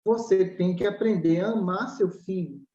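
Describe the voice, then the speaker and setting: A spiritual doctor with a Brazilian Portuguese accent speaks at a moderate pace in a mid-range, dark voice on a spiritual study podcast, recorded in a roomy, dull lo-fi way. She explains her teaching emphatically, acting out little dialogues and posing rhetorical questions.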